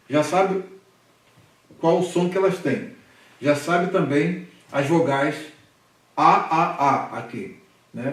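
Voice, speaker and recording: A man with a Brazilian Portuguese accent and a slightly high voice teaches a Hebrew class, patiently drilling letters and syllables aloud and checking in with his students. The mic is distant, and the classroom lesson is recorded in an echoey room.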